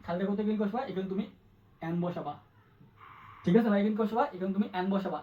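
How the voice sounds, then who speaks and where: Fast-talking high-voiced male tutor. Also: distant mic, highs cut off. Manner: quick, repetitive, asks the student questions. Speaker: English tutor. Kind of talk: exam-prep grammar lesson.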